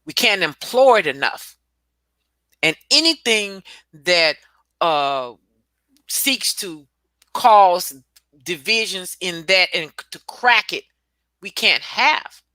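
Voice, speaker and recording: Emphatic low-pitched woman, bright tone. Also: animated, slow, long pauses, no room sound. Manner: emphatic, blunt, with swearing and repetition. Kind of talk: casual discussion.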